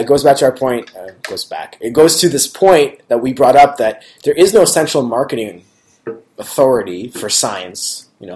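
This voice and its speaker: A man's voice: medium pitch, darkish tone. A man co-hosting a podcast in casual chat, hesitant and searching for words, laughing often.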